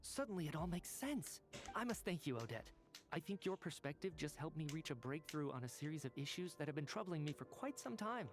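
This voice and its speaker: A man voicing an earnest male scientist in a video game, measured and thoughtful, with faint music behind. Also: on the high side, expressive. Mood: calm reasoning.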